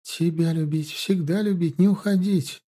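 A man's voice: a little high, moderate pace, warm tone, husky, voice pushed up. A man voicing a tender young foreign woman in love, speaking in simple broken phrases.

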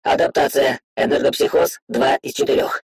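A man voicing an inner system that makes flat, formal announcements in an audiobook. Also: moderate pace, no echo, close to an everyday voice. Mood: announcing. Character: cold system voice in a boy's head. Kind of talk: audiobook reading.

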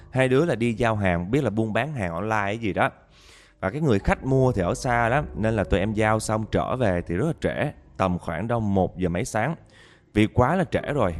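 A man's voice: lowish voice, a little mellow. A man narrating a listener's ghost story, talking straight to his audience with dramatic storytelling.

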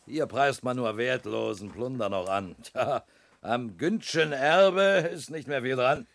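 An actor playing a dry, resigned village man in a radio drama, with a creaky voice. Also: mid-range voice, a little slow, no room sound.

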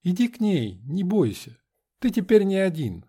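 A man voicing a gentle, frightened young village woman who speaks softly and sounds bewildered. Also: high-pitched, huge pitch swings, normal speed, slightly rough, pitched above the performer's own voice, exaggerated voice. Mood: gently encouraging. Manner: bewildered, soft-spoken.

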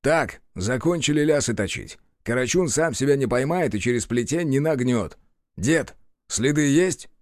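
A man's voice: mid-range voice, animated, moderate pace, dry recording, studio quality, lightly acted. A man playing a crude, bossy guardian who talks in a sarcastic, coarse way. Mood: gruff. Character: crude sardonic male guardian, bossy and mocking.

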